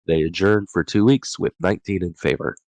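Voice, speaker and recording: A man's voice: low-pitched, fairly quick, darkish tone, dry recording, low-quality recording. A man hosting a casual book discussion, reading chapter summaries from his notes and often stumbling and correcting himself.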